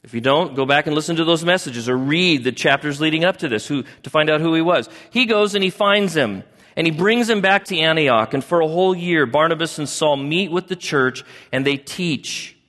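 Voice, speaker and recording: A man with a fairly high voice preaches a sermon to his congregation. He keeps it conversational and keeps checking in with the listeners. His voice carries a long reverb tail, as if it fills a large hall. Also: moderate pace, fairly bright tone. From United States. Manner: conversational preaching, often asks the congregation questions. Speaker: pastor.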